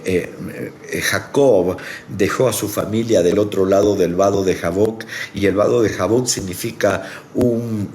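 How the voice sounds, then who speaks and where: Male Argentine pastor, very low voice, earnest devotional sermon delivery. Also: darkish tone, slight background noise. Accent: Argentine Rioplatense Spanish. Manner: earnest preaching, slows to stress key words.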